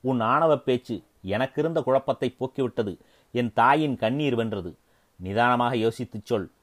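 Man doing proud young king, defiant, declamatory, indignant, storybook drama, mid-pitched voice. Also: normal speed, close to an everyday voice.

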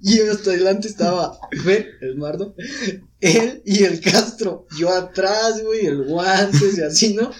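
A man's voice: high voice, unhurried. Laughing Mexican guy telling stories. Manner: animated storytelling, acts out quotes, laughing often. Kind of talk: casual chat among friends. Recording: noisy background.

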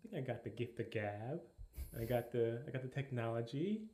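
A man appearing as a guest on a podcast, chatting casually and explaining things in a relaxed way. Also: mid-range voice, fairly quick. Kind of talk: casual chat.

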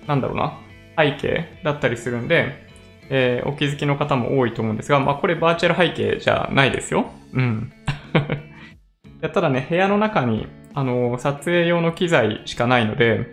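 A man's voice: medium pitch, moderate pace, creaky, faint music behind. A man chatting casually to camera in a newly moved-in empty room, his voice echoing off bare walls into a condenser mic. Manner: relaxed, chatty, often laughing. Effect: echoey bare room. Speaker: vlogger. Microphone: condenser mic on a stand.

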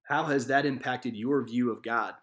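A man's voice: medium pitch, normal speed, a bit bright. A man giving a casual devotional Bible teaching from a living room, telling the story vividly and earnestly, with many fillers and restarts.

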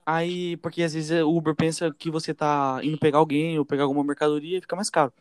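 Fast-talking young man. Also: on the high side, smooth, no room sound. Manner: fast, animated, addresses listeners as gente and velho. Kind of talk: casual storytelling among friends.

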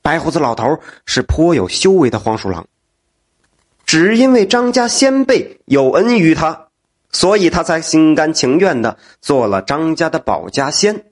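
A man storytelling a folk tale in an animated, exclaiming manner. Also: on the high side, normal speed.

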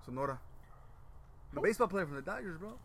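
A man's voice: a little high, expressive, quick pace, over a noisy crowd. A man hosting a casual podcast from a backyard, chatting in an informal, slangy, joking way. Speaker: podcast host. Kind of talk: casual chat. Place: backyard of a house, outdoors.

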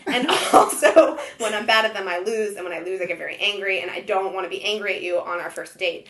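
A woman's voice: medium pitch, brisk, roomy sound. A young woman hosting a casual chat, telling a dating story with lots of laughter. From born in Israel, raised in Ohio. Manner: animated storytelling, laughs often.

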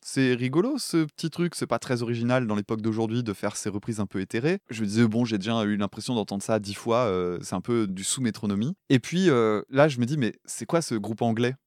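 Animated French man chatting about music. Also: medium pitch, a little fast, hardly any pauses, no room sound, clean studio sound. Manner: animated, laughs often, swears casually. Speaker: podcast co-host; schoolteacher. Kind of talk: casual chat about music covers.

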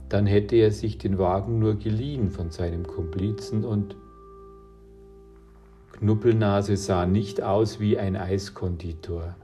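A man calmly narrating an audiobook story at an unhurried pace. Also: on the low side.

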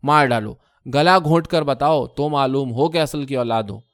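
A man voicing a quarrelsome middle-aged first wife who taunts and shouts in a sharp voice. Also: medium pitch, no echo, natural voice. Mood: shrieking.

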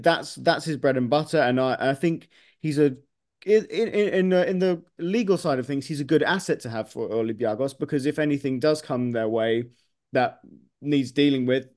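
Guy hosting a football podcast, lively and opinionated, mid pitch, just chatting. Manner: animated, opinionated. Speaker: podcast host. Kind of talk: casual football chat.

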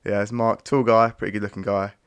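Gravelly young man telling stories. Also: lowish voice, level tone, fairly quick, dry recording. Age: young adult. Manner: laid-back slangy storytelling. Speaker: podcast co-host. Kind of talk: casual chat.

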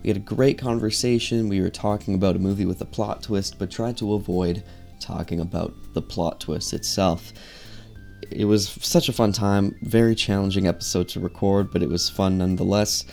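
A man's voice: lowish voice, normal speed, gravelly, a little mellow, soft background music. A man hosting a podcast in a casual, conversational style. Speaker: podcast host. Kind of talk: casual chat.

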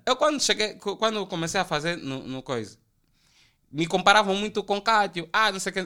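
A young man from Angola with an Angolan Portuguese accent, telling animated, slangy stories as a podcast guest. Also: high voice. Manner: animated, slangy, acts out quoted voices. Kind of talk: casual storytelling chat.

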